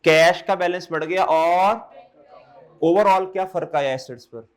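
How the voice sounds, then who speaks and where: A man's voice: high voice, a little slow. A man teaching an accounting class, coaxing and scolding his students and often repeating questions back to them. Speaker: accounting lecturer. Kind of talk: classroom lecture. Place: classroom, also streamed online.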